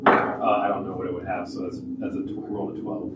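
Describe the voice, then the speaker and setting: A man's voice: low-pitched, monotone, quick pace, very noisy. A man chatting casually as a tabletop game player, hesitantly repeating his words. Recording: distant echoey room, loud music behind. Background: loud music.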